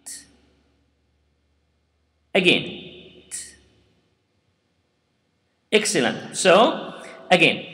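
A man's voice: sits high, very animated, drawn-out words, long pauses, bright, forceful tone. A man teaching Quran recitation step by step, patiently repeating sounds and asking learners to say them after him. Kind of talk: slow step-by-step recitation lesson. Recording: echoey room with long reverb.

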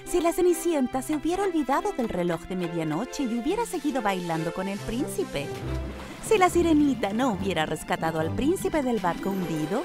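Reading from a script, a woman tells a children's story fairly quickly in an expressive storytelling style. Her voice is high and very lively in pitch, with music clearly audible behind her.

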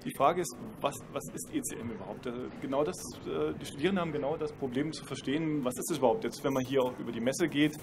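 On a trade fair stage with a noisy background, a male university professor speaks on a panel into a handheld mic. His mid-range voice moves fast with few pauses as he explains at length, dropping in dry, ironic asides.

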